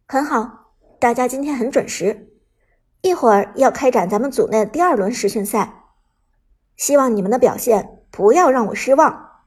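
A woman's voice: fairly high pitch, expressive, normal speed, a little mellow, slightly rough. A woman voicing a stern female esports team manager who speaks firmly and seriously. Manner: firm, serious.

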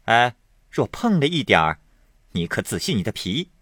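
A man voicing a brisk, teasing, authoritative young noblewoman in a storybook reading. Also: mid-range voice, sing-song, a bit bright, breathy edge, no room sound, clean studio sound, pitched above the performer's own voice. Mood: commanding. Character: sharp, commanding young noblewoman of the household.

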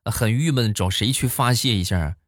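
A man's voice: mid-range voice, moderate pace, no echo, clean studio sound. A man telling funny everyday stories in a comic monologue, playful, with exaggerated punchlines. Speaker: comedian.

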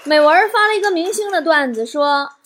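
High, lively woman comic. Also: brisk, a faint crowd, a little hiss or hum. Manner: lively, mocking, breaks into laughter. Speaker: talk show host. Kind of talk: stand-up joke reading.

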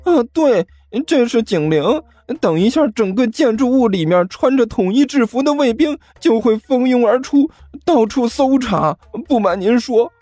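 A man's voice: extremely high pitch, warm tone, no room sound, voice pushed up. A man voicing a nervous, deferential male underling who stammers. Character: timid fawning male underling, stammering servant.

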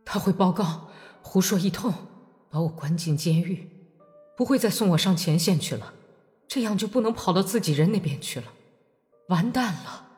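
A woman's voice: fairly low pitch, big pitch swings, normal speed, slightly rough, faint music behind. A woman reading an audiobook voices a strong young Cossack man who speaks in a tense, pressing way. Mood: anxious thought.

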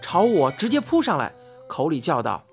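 Her voice is low and her pace moderate as this woman tells a story from her own point of view. She reads expressively, performs the quoted lines with liveliness, and faint music plays softly.

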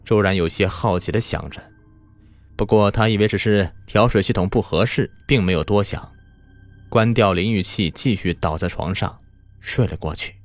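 A man's voice: on the low side, normal speed. A man telling a scripted horror story in a dramatic style that builds tension, over background music.

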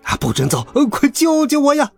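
A man voicing a blustering mustached gang boss with a gruff bark that breaks into panicked shrieks. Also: deep voice, huge pitch swings, normal speed, fairly bright tone, faint music behind, pitched below the performer's own voice, full character voice.

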